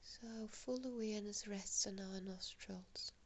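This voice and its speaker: This meditation guide is a woman speaking in a soft, breathy half-whisper, medium in pitch and steady in tone. She offers quiet, gentle directions for relaxing, leaving long pauses.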